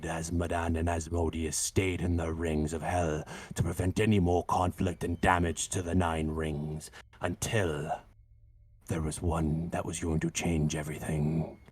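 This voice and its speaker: Man putting on a deep, husky, ominous demonic voice. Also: darkish tone. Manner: slow solemn dramatic delivery. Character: ominous demonic male lore-giver warning of hell. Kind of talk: tabletop game scripted narration.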